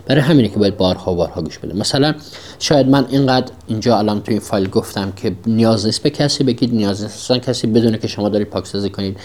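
A man's voice: lowish voice, darkish tone. A man teaching a self-development lesson in a podcast monologue, emphatic and repetitive, asking himself rhetorical questions.

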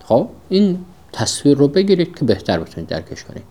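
A man's voice: fairly high pitch, wildly swooping pitch, dark tone. A man teaching a self-development lesson in a podcast monologue, emphatic and repetitive, asking himself rhetorical questions.

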